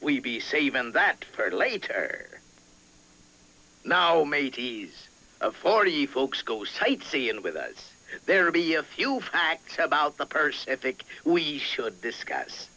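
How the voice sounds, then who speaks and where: An actor playing a gruff, jovial old duck sea captain, narrating grandly in salty sailor dialect for a cartoon. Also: male voice, fairly high pitch, very animated, takes it slowly, pushed and bright, heavily acted, poor audio. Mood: instructive. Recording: music behind, 1960s television soundtrack.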